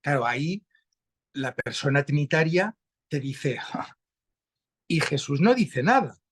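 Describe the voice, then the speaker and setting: Over a video call, a male guest speaker with an accent from Spain explains a Bible passage in a conversational teaching style. He goes slowly and reflectively, rising animatedly when stressing a point, in a husky voice on the high side.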